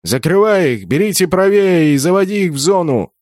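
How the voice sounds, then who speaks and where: A man voicing a brash, rowdy orc berserker warrior who shouts crude taunts in an audiobook. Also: fairly high pitch, sing-song, normal speed, no room sound, studio quality, voice pushed up. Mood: shouting. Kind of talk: audiobook character voice.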